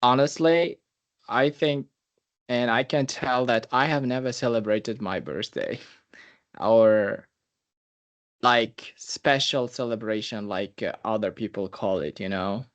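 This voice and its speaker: A man's voice: mid-range voice, slow pace, highs cut off. A man in his twenties hosting a casual podcast chat, talking in an earnest, reflective way and giving brotherly advice. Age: 20s. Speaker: podcast host.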